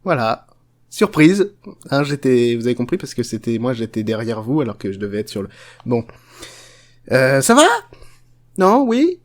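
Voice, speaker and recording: A man's voice: mid-range voice, sing-song, moderate pace, pauses often, close to an everyday voice. A man playing a crude, unhinged chocolate factory owner, rambling, swearing and mocking in a comic parody.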